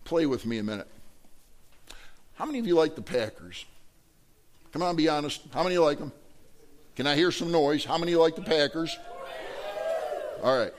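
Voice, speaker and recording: A man with a higher speaking voice delivers a sermon. He talks conversationally, questions the congregation and jumps into loud, shouting bursts before he drops back to a quiet, prayerful tone. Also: normal speed, pauses often. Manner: animated, bursts into loud shouts acting out a sports fan; asks the congregation questions, then ends in prayer. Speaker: preacher.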